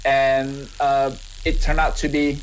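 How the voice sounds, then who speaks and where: Slow and completely flat, a mid-range male voice with an Indonesian accent belongs to a thirtysomething scientist and business owner giving sincere interview answers, frequently restarting and repeating words. The low-quality recording carries slight hiss or hum.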